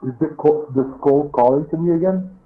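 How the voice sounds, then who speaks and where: A man playing a tabletop game online, his voice muffled as if heard through a wall or cloth, speaking in halting restarts. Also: fairly high pitch, faint music behind. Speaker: player. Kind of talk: casual tabletop game chat. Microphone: headset mic muffled inside a shirt. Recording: muffled, tinny phone-like online call.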